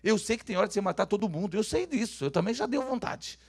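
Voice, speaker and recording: A man from Brazil preaching a sermon as pastor, swinging from quiet asides to loud calls for the congregation to repeat after him. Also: high-pitched, expressive, fast, breathy edge.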